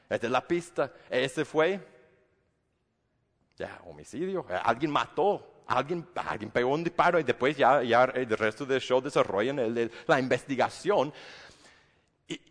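A pastor with a medium-pitched voice preaches a sermon in a large hall. His delivery is conversational and full of restarts, and now and then he acts out the voices of other people.

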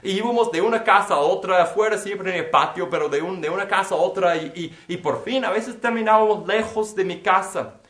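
A man delivers a sermon in a high, light voice, weaving a story from his childhood into the message. The sound rings around an echoey room. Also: a little fast, few pauses, a bit bright. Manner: storytelling preacher, acts out quoted voices. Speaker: pastor.

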